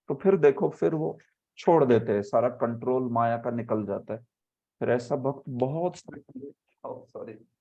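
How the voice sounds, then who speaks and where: Man, spiritual teacher, scripture class, patient examples, words sounded out slowly, muffled lo-fi audio. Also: a little high, warm tone.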